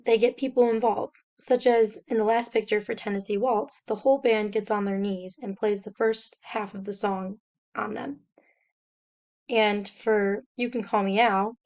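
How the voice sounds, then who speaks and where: A young woman, a student, reading a slide presentation aloud in a steady, step-by-step explanatory way. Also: medium pitch.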